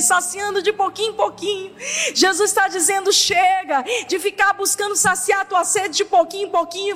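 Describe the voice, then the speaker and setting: A woman's voice: very high-pitched, a bit bright. A woman pastor with a Brazilian accent preaching an impassioned sermon in a church, making prophetic declarations. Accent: Brazilian Portuguese. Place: church hall. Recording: live church sermon with long hall reverb and faint music.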